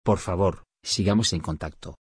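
A man reading short phrases one by one for a language lesson, slow and even. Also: deep voice, breathy edge, no room sound, clean studio sound. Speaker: phrase reader.

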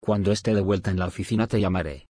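A man reading short phrases one by one for a language lesson, slow and even. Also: low-pitched, no echo. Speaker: phrase reader.

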